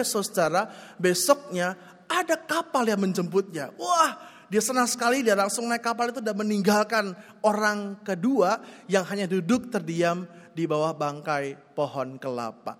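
High-voiced pastor in a reverberant church. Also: male voice, moderate pace. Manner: animated storyteller, often calls the listeners "brothers". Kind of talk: sermon with gospel reading and parable.

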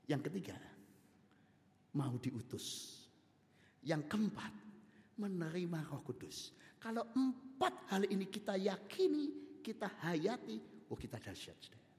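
A man preaching a sermon and telling a story in an emphatic, animated way. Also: a little high, big-room sound. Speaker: pastor.

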